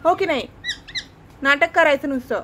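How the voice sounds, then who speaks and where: High-voiced woman scolding her pet. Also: normal speed, sharp tone, a little hiss or hum. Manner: scolding, repetitive commands. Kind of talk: casual talk to a pet.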